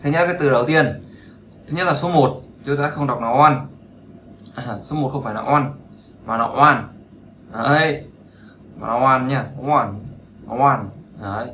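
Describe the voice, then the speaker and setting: Man, chatty teaching voice, bright tone, echoey room. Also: medium pitch, a little hiss or hum. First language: Vietnamese. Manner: chatty and teasing, repeats words slowly to drill them. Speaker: English teacher. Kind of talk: casual spoken lesson.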